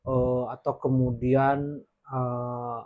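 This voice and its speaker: A man's voice: mid-range voice, flat delivery, extremely slow, phone-quality sound. Hesitant man asking probing questions. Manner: asks probing questions, hesitant with many fillers. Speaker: podcast host. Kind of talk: casual podcast hosting.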